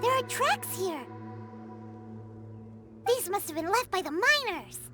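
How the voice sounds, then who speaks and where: A woman voicing a tiny childlike fairy companion in a video game, squeaky, chirpy and exclamatory. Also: sing-song, slow, loud music behind the voice, full character voice. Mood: excited. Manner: refers to herself in third person, exclamatory.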